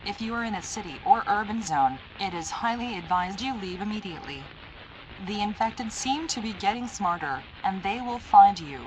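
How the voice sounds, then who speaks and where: A woman with a mid-range, expressive voice reads a scripted emergency alert at a moderate pace. Her announcer delivery is formal, impersonal and automated-sounding, heard over a noisy analog horror broadcast.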